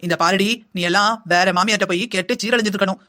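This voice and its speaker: A man's voice: high voice, steady tone, racing, bright, forceful tone. A man voicing a scolding older mother in a cartoon, lecturing her daughter.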